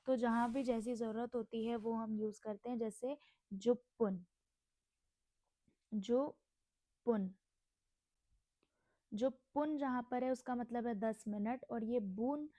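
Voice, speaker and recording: Woman from India, language teacher, fairly high voice, drills words by repetition. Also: warm tone, no echo. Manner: repeats words slowly, asks and answers her own questions. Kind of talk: casual Hindi language lesson.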